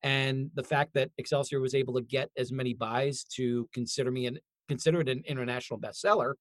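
A man talks casually in an informal, rambling way, like an author chatting about his work. His voice sits at a medium pitch. He is a little self-deprecating, and the sound is dry. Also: steady tone, fast talker, dry recording. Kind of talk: casual conversation.

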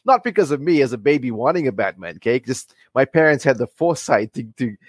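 A man in his forties from Fiji, a comic creator talking as a podcast guest, friendly and halting with many restarts. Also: mid-range voice, animated, no room sound, clean studio sound. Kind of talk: casual interview.

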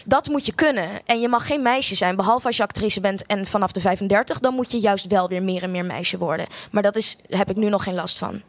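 A woman's voice: mid-range voice, fairly quick, hardly any pauses, dry recording. A young woman tells a personal story in a frank, sardonic way, with self-mocking humor and free swearing.

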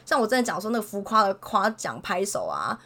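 A woman who works as a preschool teacher, telling a story in a casual chat, animated and exasperated. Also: mid-range voice, brisk, creaky.

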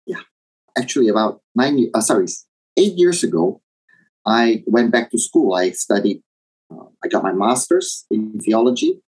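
Measured, low-voiced middle-aged man. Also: a little mellow, rough recording. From Taiwan, raised in Indonesia. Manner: measured, reflective, with fillers. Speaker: guest. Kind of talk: interview, personal background.

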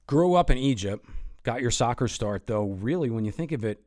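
A man's voice: mid-range voice, expressive, moderate pace, darkish tone. Sports podcast host, male, loose and chatty, restarts mid-question. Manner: conversational, rambling questions with restarts. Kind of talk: casual interview questions.

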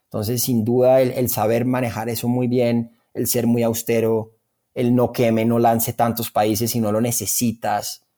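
Unhurried and mellow, with a medium pitch and a flat delivery, a startup founder responds to interview questions in a Colombian accent. He keeps it informal and conversational, often repeating words for emphasis.

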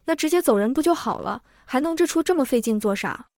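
A woman's voice: sits high, expressive, fast talker, darkish tone, dry recording, studio quality. A woman reading as a puzzled, penny-minded manservant. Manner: puzzled, blunt. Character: practical puzzled male household servant.

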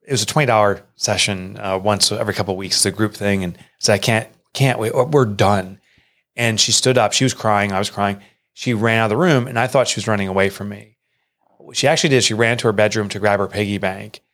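Recounting a personal story in an interview, a middle-aged entrepreneur and author speaks fairly quickly, with fairly even intonation and a slightly bright voice. He's earnest and emotional, and his pitch jumps when he quotes others.

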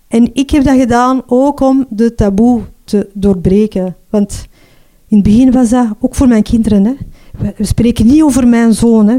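A middle-aged Flemish woman telling her own story as a mother, emotional and halting, often restarting and adding "hè". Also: on the high side, warm tone. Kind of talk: personal testimony.

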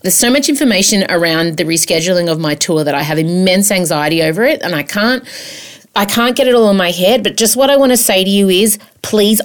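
An Australian woman hosting a comedic podcast as a chatty monologue, campy, theatrical and self-mocking, with the odd swear word. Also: lowish voice.

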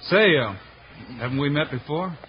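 An actor playing a steady, brisk marshal hero in a 1950s radio western. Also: male voice, a little high, close to an everyday voice. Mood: concerned. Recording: noisy, muffled old radio recording.

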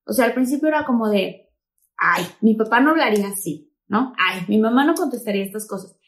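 A woman's voice: on the high side, a little fast. A middle-aged woman with a Mexican accent, chatting casually as a podcast co-host and retelling a friend's story. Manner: expressive, exclaims and retells quotes. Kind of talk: casual chat.

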